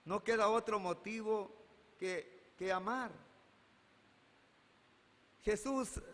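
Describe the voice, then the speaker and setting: A man's voice: sits high, takes it slowly, bright, forceful tone, big-room sound. A man preaching a sermon as pastor, earnestly retelling stories of people from his congregation in quoted dialogue. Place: church hall.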